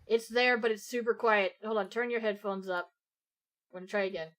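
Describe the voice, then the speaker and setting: A woman's voice: mid-range voice, fairly even intonation, fairly quick, a bit bright. A woman hosting a voice acting competition stream, blunt and swearing freely. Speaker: host. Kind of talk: casual livestream chat.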